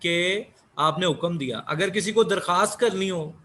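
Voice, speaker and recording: Male teacher, online class, measured and repetitive delivery, slightly high-pitched. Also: pushed and bright, a little hiss or hum. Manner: slow, repeats key words. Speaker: English teacher.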